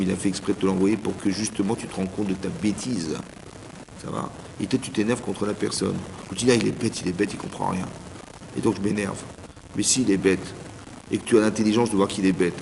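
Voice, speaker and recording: A man giving an informal Torah class as a rabbi, animated, speaking straight to his listeners and acting out little dialogues. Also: fairly low pitch, creaky. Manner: animated, addresses listeners directly, acts out dialogues. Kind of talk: informal sermon. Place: community hall. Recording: reverberant hall, faint background noise.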